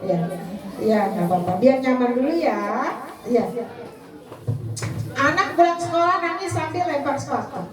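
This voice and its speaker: High-voiced woman speaker in an echoey room. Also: unhurried, pauses often, recorded from a distance, a crowd in the background. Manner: addresses the audience directly, asks them questions; acts out parents' lines to children. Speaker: parenting speaker, psychology practitioner. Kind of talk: parenting seminar talk to mothers.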